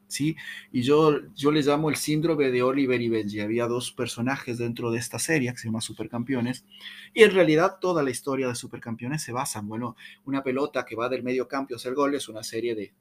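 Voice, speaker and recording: A man giving a motivational talk on communication, checking in often with "¿sí?", repeating and stumbling over words, with dramatic swings in pitch. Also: husky. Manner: repeats "¿sí?" to the audience, animated. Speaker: speaker on communication.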